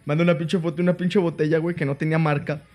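A man's voice: fairly high pitch, level tone, very fast, background noise. A man with a Mexican Spanish accent, cracking crude jokes and teasing his co-host on a comedy podcast. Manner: crude wisecracks, teasing interjections. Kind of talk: casual banter.

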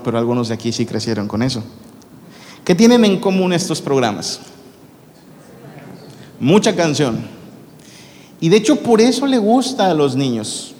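A man's voice: medium pitch, a little mellow, a little hiss or hum. Man preaching in a reverberant hall. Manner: conversational, asks the congregation questions. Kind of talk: sermon. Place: large church hall. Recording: long reverb from a large hall.

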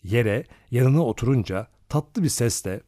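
A man narrating a novel as an audiobook, with expressive storytelling. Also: medium pitch, normal speed, dry recording, studio quality.

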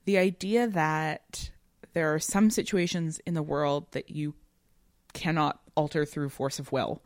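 This low-voiced woman co-hosts a discussion podcast, speaking a little slowly with fairly even intonation and no room sound at all. She's chatty but analytical, emphasizing key words and musing in academic language as she goes.

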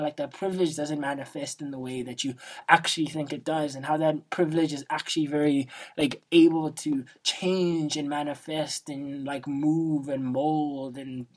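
Hosting a podcast on his own, this young man has a feminine-sounding voice, nothing like a deep baritone. His talk is laid-back, thoughtful and full of slang, with frequent "like" and "right?" as he looks for the listener to agree.

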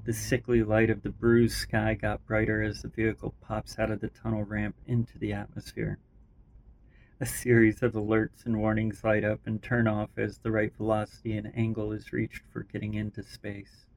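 A man's voice: lowish voice, completely flat delivery, moderate pace, creaky, darkish tone. Brief: male narrator, first-draft reading, unpolished, occasional stumbles. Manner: reads with small slips and restarts. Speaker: writer and narrator. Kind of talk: unrehearsed story narration.

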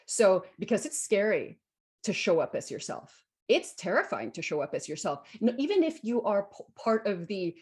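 Her husky, darkish voice is medium in pitch and swings widely as she talks at normal speed. She's a forties-aged Guatemalan woman, an interview guest speaking reflectively and emphatically, often repeating phrases.

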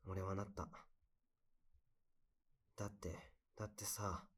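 A young man playing a heartbroken guy who softly confides about lost love in casual, wistful, intimate pillow talk. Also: on the low side. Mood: aching, confiding. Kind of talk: intimate pillow-talk audio role-play.

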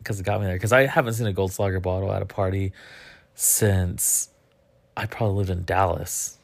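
Man in his thirties, very low and gravelly voice, laid-back rambling podcast co-host. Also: steady tone, a little fast. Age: 30s. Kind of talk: casual chat.

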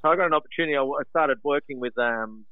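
A man's voice: medium pitch, fast talker, dry recording. An Australian man talking in a plain, colloquial, matey way as a guest in a casual interview over the phone. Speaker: guest, sprint coach. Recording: tinny phone line.

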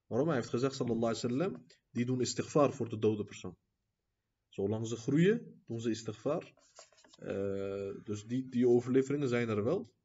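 A man teaching an Islamic lesson who reads texts quickly, then explains them at length with many fillers and asides to his listeners. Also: mid-range voice, mellow, slightly rough, muffled recording. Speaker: religious teacher.

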